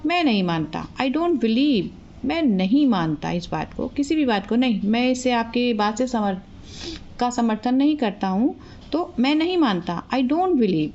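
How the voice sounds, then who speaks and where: A woman with an Indian accent talks slowly and with care, drilling everyday English phrases. Her voice sits a little high, and each English line comes twice after the Hindi one. The audio is slightly dull and lo-fi. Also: expressive, darkish tone. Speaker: English teacher. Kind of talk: slow, repetitive spoken English lesson.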